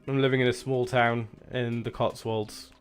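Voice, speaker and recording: A Welsh man with a Welsh accent chats casually as he streams a video game, reading out viewer chat and answering it. His voice is medium-pitched and level, at a normal pace, with soft music behind him.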